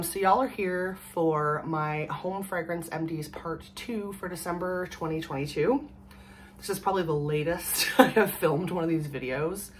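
A Canadian woman with a low voice, hoarse from a cold, chats to camera in a casual home vlog, rambling and laughing often. She sits in a small room at home with the camera in front of her at desk distance, and a faint room hum can be heard.

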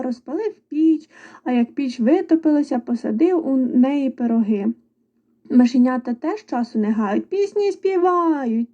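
A woman with a high, mellow voice tells a children's folk tale with lively expression. The recording is somewhat dull and lo-fi. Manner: lively, expressive storybook reading. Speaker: storyteller.

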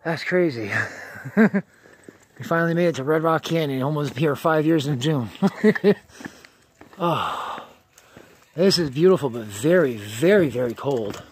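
Climbing rocky canyon slopes with a handheld camera, a man keeps up a casual running commentary and calls to his dog in a raised, coaxing tone. His voice is a little high, animated, and breathy, a bit slow with long pauses, and he's slightly out of breath from the climb.

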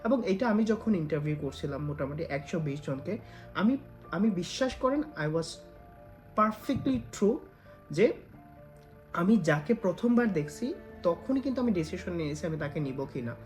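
A man's voice: sits high, animated, normal speed, a little mellow, faint music behind. A man giving casual advice straight to the viewer, dropping English phrases into his talk. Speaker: freelancer giving career advice. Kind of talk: direct-to-camera advice talk.

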